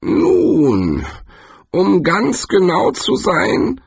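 A man voicing a friendly, pedantic talking tree that lectures slowly. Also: sits high, wildly swooping pitch, vocal fry, husky, no room sound, pitched above the performer's own voice, full character voice. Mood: friendly lecturing.

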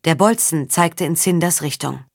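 A woman reading a story aloud as an audiobook narrator, steady and even. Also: low-pitched, moderate pace, creaky, slightly rough, no room sound, studio quality. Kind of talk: scripted narration.

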